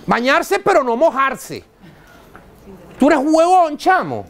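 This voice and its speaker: Blunt Venezuelan man lecturing, lively pitch. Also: takes it slowly, a little hiss or hum. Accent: Venezuelan Spanish. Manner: blunt, slangy, quizzes the audience. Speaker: dental lecturer. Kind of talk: live lecture to an audience. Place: university lecture hall.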